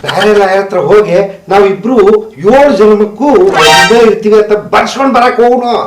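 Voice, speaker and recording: A man plays a melodramatic, whining husband with a North Karnataka accent, forever complaining. His voice is very high-pitched and sounds roomy and echoey, with music running underneath. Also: a little fast, natural voice. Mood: petulant. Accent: North Karnataka Kannada. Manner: whiny, complaining. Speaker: husband seeking divorce. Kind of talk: comedy sketch acting.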